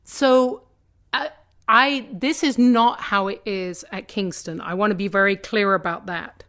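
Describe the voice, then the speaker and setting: A woman's voice: medium pitch, unhurried, fairly bright tone. A British-accented woman chats as a guest on a podcast. She rambles, restarts her sentences and adds asides as she tells her stories. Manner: chatty, many restarts and asides. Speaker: guest, theatre company founder. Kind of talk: casual podcast interview.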